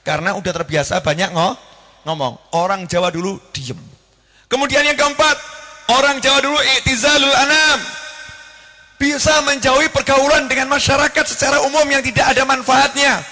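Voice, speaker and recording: High, bright-voiced preacher. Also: male voice, moderate pace, in a large hall, soft background music. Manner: animated, repeats words, questions the audience. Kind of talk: sermon.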